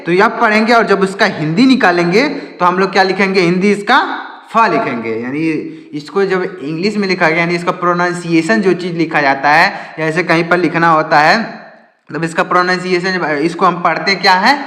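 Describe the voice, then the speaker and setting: High-voiced man teaching in an echoey room. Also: brisk, sharp tone. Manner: patient, repeats each point as a question and answer. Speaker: English teacher. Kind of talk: step-by-step lesson. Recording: echoey room with long reverb.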